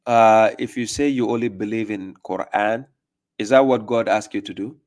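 A man's voice: fairly low pitch, steady tone, moderate pace, a little mellow. A man hosting a live call-in religious debate stream, pressing his caller with repeated questions. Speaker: livestream host. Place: small room indoors.

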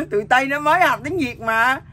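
A middle-aged woman with a husky voice that sounds neither male nor female, telling her story bluntly and with animation. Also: high voice, fast talker, background noise. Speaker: interviewee. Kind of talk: candid emotional chat.

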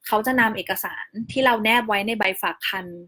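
A woman talks through her experience as a new mother in a relaxed vlog voice-over. Her speech is chatty and courteous, and she softens her phrases with polite endings. She lays out practical steps calmly and in order. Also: medium pitch, a little fast, breathy edge. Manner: calmly explains step-by-step practical details. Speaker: new mother sharing her hospital stay. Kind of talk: casual narrated vlog voice-over.

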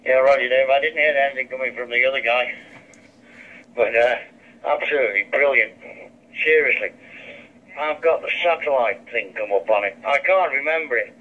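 Over a handheld radio with a dull, lo-fi speaker, a man chats casually as an amateur radio operator. His mid-range voice moves at normal speed, broken by long pauses.

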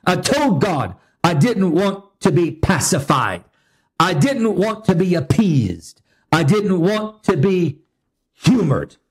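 A man's voice: sits high, sing-song, takes it slowly. A man preaching a sermon as pastor, emphatic and repetitive in his delivery.

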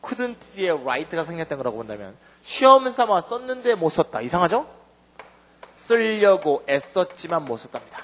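A man teaching grammar as a lecture, animated and firing questions at the class. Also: fairly high pitch, moderate pace, big-room sound. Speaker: English teacher.

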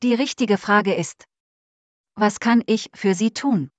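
An actress playing a self-willed female android assistant who talks in a calm, smooth, assured way. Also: medium pitch, takes it slowly, no echo. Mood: cool, assured.

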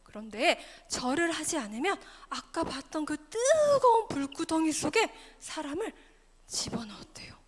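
A woman's voice: high voice, moderate pace. A woman teaching a preschool Sunday school class, telling a Bible story with gasps, whispers and questions to the children. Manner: animated, gasping, dropping to whispers, questions to children. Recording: echoey hall with faint music.

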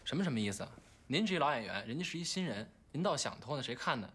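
A man's voice: medium pitch, sing-song, fairly bright tone, a little hiss or hum. An actor playing a touchy, washed-up male actor who blusters and argues. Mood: mocking. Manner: rapid, blustering. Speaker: has-been actor. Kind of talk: film drama acting.

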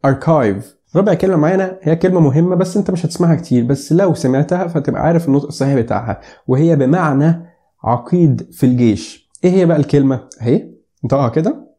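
Young Egyptian man, quick and playful lesson host, very dark mellow tone, drills each word slowly. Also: mid-range voice. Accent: Egyptian Arabic. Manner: joking, playful asides; repeats words slowly to demonstrate. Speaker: English pronunciation teacher. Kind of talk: casual video lesson.

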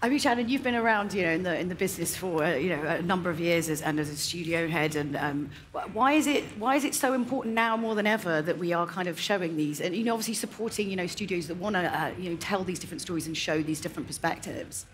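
A woman hosts a live stage panel, talking quickly and loosely with plenty of fillers. Her voice sits a little low, and her headset mic picks up faint hall ambience behind her. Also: lively intonation, slight background noise. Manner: quick, chatty, many fillers. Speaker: panel moderator. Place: large indoor event stage.

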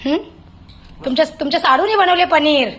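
A woman's voice: sits high, a little fast, fairly bright tone. A woman hosting a casual home vlog, chatting to her viewers as a group and talking with her family as she goes. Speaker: vlog host.

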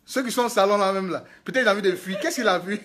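A man talks into a handheld phone in a hotel room. His voice sits notably high for a man. He tells his stories in a lively, exclaiming way, breaking into laughter. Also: fast talker, background noise. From Côte d'Ivoire. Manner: animated storytelling, laughing and exclaiming. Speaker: prophet and spiritual guide. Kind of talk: casual video diary.

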